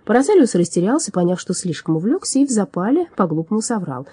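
A woman narrating a fairy-tale audiobook with expressive storytelling. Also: medium pitch, fast, husky, no room sound, clean studio sound.

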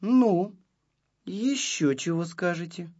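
A man's voice: high-pitched, takes it slowly, darkish tone, long reverb tail, voice pushed up. A man voicing a sly, grumpy little hunter shorty who grumbles, on a slightly dull recording. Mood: grumbling.

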